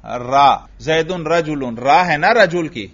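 A man's voice: fairly high pitch, a bit bright. A man teaching an Arabic grammar lesson, firing questions at his students and answering them himself. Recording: dull lo-fi recording.

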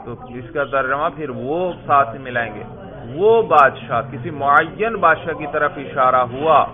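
Male grammar teacher who quizzes and repeats answers, thin phone-like sound. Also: medium pitch. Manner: questioning, repeats student answers, praises. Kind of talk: classroom grammar lesson. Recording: tinny phone-like lo-fi audio.

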